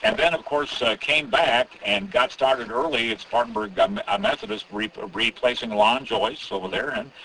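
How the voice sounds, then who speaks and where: A man's voice: mid-range voice, normal speed, hardly any pauses, fairly bright tone, a little hiss or hum, poor audio. A man hosting a casual radio interview, rambling with many fillers and restarts. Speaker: radio host.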